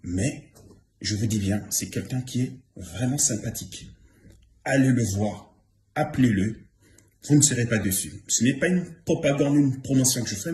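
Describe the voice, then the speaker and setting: A former trainee in his fifties offers an informal spoken testimonial, emphatic and repeating himself for stress. His voice is medium-pitched with a darkish tone. The room is echoey, with faint noise and clicks.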